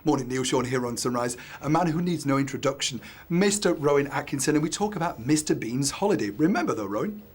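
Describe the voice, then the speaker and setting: A man's voice: medium pitch, fast talker, few pauses, husky. A man working as a television presenter, delivering breakfast show promo lines.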